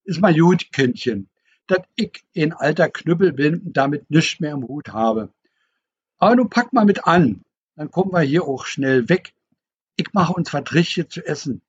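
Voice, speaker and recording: A man voicing a hearty, teasing old fisherman who talks in a booming, folksy dialect, on a dull lo-fi recording. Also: lively intonation, moderate pace, slightly rough. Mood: bossy cheerful.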